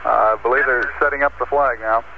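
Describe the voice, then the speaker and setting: A man working as mission control radio operator, speaking over a crackly two-way radio link in crisp radio protocol and signing off with "over". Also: medium pitch, fairly even intonation, fast. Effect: crackly two-way radio transmission. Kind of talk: live mission radio exchange. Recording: noisy, lo-fi archival radio audio.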